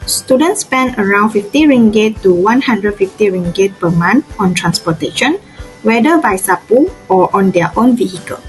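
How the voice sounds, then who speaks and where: A young woman reading documentary narration full of figures, slow and careful over the numbers. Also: medium pitch, low-quality recording. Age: young adult.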